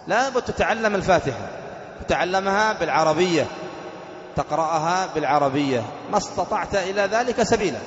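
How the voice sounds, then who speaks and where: A man teaching a religious lesson. He explains point by point, repeats the key rules and slows down to recite verses with careful stress. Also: high-pitched. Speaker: sheikh teaching fiqh. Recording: echoey hall, dull lo-fi sound.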